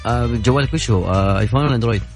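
Fast-talking Saudi radio host. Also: male voice, mid-range voice, faint music behind. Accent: Saudi Gulf Arabic. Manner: chatty, joking with callers. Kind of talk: call-in radio show chat.

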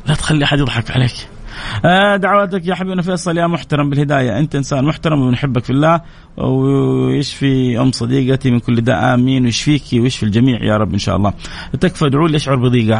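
Fast-talking gravelly man. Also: on the high side. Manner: warm blessings and advice, quick and lively. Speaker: host reading viewer messages. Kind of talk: casual live-stream chat.

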